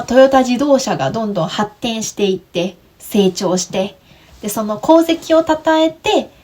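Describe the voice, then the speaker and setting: A woman from Nagoya with a Nagoya dialect accent, teaching Japanese on a podcast in a friendly, step-by-step way and asking her listeners questions. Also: on the high side. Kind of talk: podcast lesson for learners.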